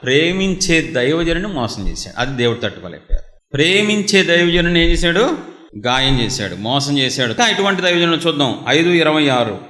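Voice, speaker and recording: Bright-voiced preacher in an echoey room. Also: male voice, sing-song, fairly quick. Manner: rhetorical questions, dramatic drops to low intense tone. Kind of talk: sermon.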